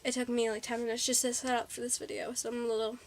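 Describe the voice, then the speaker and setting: A woman's voice: a little high, completely flat delivery, fast talker, slight background noise. A teenage girl chatting in a casual haul vlog, bubbly and a little out of breath, with lots of ums and likes. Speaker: vlogger.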